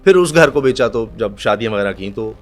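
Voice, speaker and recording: A middle-aged man from Pakistan, a news anchor telling stories in a podcast chat, acting out quotes and reciting verse slowly. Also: lowish voice, lively intonation, soft background music.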